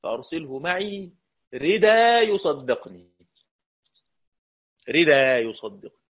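A man with an Egyptian Arabic accent teaching a lecture on Quran recitation, talking conversationally, putting questions to the class and chanting verses slowly. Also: mid-range voice, husky. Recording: tinny phone-like audio.

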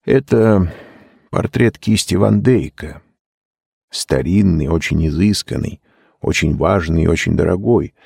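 A man voicing a gentle, cunning old male lord who talks in a mild, measured, persuasive way. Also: sits low, vocal fry, slightly rough, no room sound, studio quality, exaggerated voice.

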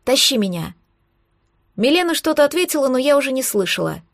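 Higher-voiced woman narrating a novel. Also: quick pace, creaky, no room sound, studio quality. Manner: steady, expressive first-person reading. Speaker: audiobook narrator.

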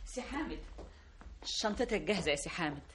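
An actress playing Nemaa, a soft-spoken, deferential young Egyptian woman in an old radio drama. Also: on the low side, lively intonation, quick pace, slight background noise. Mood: gentle. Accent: Egyptian Arabic.

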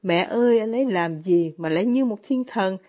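A woman voicing a shrill, impatient teenage girl in a storybook reading. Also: lively intonation, normal speed, darkish tone, close to an everyday voice. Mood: petulant.

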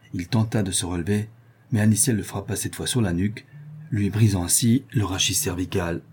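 A man reading a historical novel aloud in a steady, measured way. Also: on the low side, husky. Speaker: audiobook narrator. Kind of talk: scripted narration of a historical novel.

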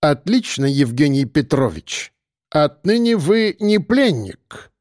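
A masked captor, icy and unhurried, every word flat and measured, as a male narrator puts him on. He speaks slowly, with a dry, close sound, in a storybook scene. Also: on the high side, dry recording. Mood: cold.

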